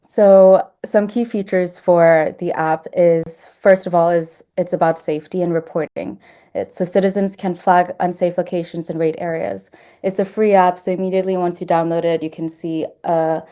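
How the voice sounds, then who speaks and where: A woman who grew up in Denmark, giving a webinar presentation over a video call in a steady, explanatory way. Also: fairly low pitch. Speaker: startup marketing director presenting.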